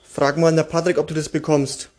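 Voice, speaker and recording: A man's voice: a little high, little pitch movement, brisk, darkish tone. A man hosting a casual home podcast from a child's bedroom, crude and sarcastic as he grumbles to his listeners. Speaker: home podcast host, father. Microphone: single microphone at home.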